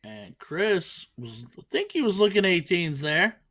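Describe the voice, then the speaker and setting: A man commentates live on a darts match in a casual, conversational way. His voice sits a little higher than most men's. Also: sing-song, measured pace, a bit bright.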